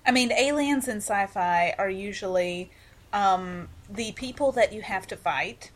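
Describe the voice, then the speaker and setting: Slow-talking woman in casual banter. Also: mid-range voice. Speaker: podcast co-host. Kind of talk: casual banter about a sci-fi series.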